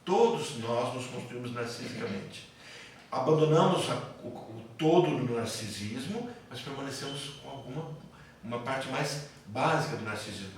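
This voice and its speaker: A man's voice: mid-range voice, a little hiss or hum. A man from the interior of São Paulo with a light Brazilian accent, lecturing a class in a conversational way, repeating himself and telling anecdotes. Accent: light São Paulo interior Brazilian Portuguese. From interior of São Paulo state, Brazil. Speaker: psychoanalysis teacher. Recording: echoey classroom from far off.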